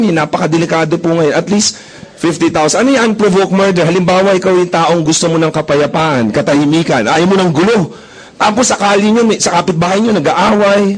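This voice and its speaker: A young man pitching to a live crowd, full of jokes and little stories. He keeps turning to the audience with quick questions, and his voice sits a bit higher than most men's. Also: husky, poor audio. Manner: joking, storytelling, asks the crowd questions. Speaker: marketing presenter. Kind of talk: comic sales talk to a live audience.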